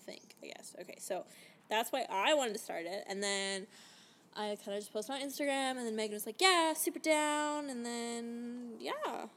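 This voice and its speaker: A woman's voice: a little high, normal speed, fairly bright tone. Chatty, cursing young woman hosting outdoors. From British Columbia, Canada. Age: 20s. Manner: chatty, swears casually, laughs, lots of "like" and "um". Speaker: podcast host. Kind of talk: casual chat.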